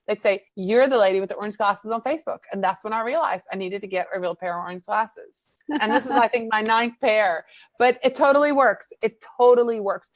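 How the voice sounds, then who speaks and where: A woman from the Netherlands with a Dutch accent, a marketing coach chatting as a guest on a video interview, animated and full of fillers. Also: on the high side, dry recording. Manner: chatty, animated, fills with "um" and "you know".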